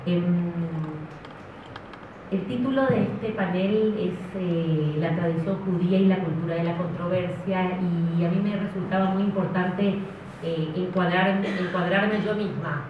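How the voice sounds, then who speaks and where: Paraguayan-born woman panelist, hesitant, low voice, dull distant roomy recording. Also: fairly even intonation, measured pace, background noise. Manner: hesitant, self-deprecating. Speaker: panelist, educator. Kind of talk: panel talk. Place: community center hall. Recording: echoey hall, far mic, dull sound.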